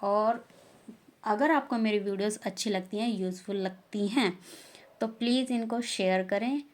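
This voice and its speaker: Woman teacher, young adult, unhurried and patient, drawing out each word she teaches. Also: mid-range voice. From India. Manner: slow and patient, repeats each word slowly and loudly. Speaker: language teacher. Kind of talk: beginner language lesson.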